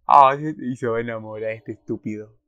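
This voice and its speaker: A man's voice: medium pitch, fairly even intonation, moderate pace, a bit bright, clean tone, no room sound, muffled recording. A man in his twenties with an Argentine accent gives casual reaction commentary, reading subtitles aloud and exclaiming in between. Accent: Argentine Spanish. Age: 20s. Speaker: reaction video host.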